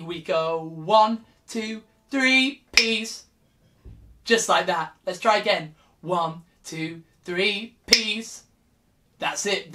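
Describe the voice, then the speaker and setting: A young man leading an interactive children's music class, singing and cheering the kids on while he plays. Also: high voice. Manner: upbeat, encouraging, sings and prompts children. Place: small room with guitars on the wall, indoors. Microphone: camera in front, seated with acoustic guitar. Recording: guitar accompaniment throughout.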